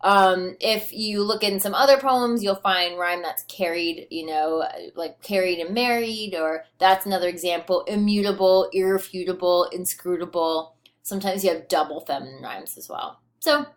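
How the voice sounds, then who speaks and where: A woman's voice: fairly low pitch, normal speed, few pauses. A woman teaching a recorded lesson on poetry, talking casually with many fillers, now and then reading verse aloud with rhythmic emphasis. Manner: conversational, many fillers and restarts.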